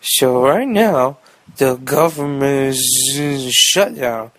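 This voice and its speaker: A man's voice: medium pitch, slow pace, a bit bright, no room sound. A young man hosting a podcast, rambling through a comic news monologue full of puns. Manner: rambling, jokey, fond of puns. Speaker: podcast host.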